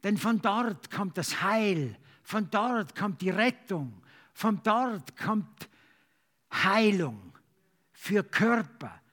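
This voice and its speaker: Man, high voice, slow delivery, emphatic sermon, urging, repetitive phrasing, halting. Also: very animated, fairly bright tone. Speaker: preacher. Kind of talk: sermon with altar call and prayer.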